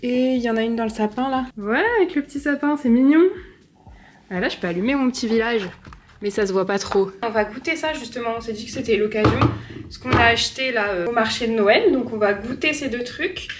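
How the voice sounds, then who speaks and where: A woman's voice: a little high, fairly quick, noisy background. A young woman chatting casually to camera in her apartment, rambling with self-mocking asides. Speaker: vlogger. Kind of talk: casual home vlog. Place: apartment living room.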